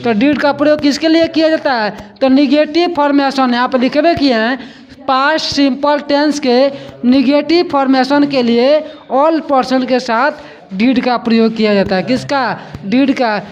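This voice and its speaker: A man's voice: very high voice, fairly even intonation. A male teacher giving a grammar lesson in a classroom, repeating each point and asking students if they understood. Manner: slow and repetitive, drilling students with questions. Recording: dull lo-fi classroom recording.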